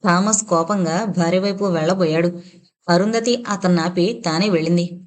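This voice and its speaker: A woman narrating a horror novel as an audiobook, reading in a dramatic, measured manner. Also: on the low side.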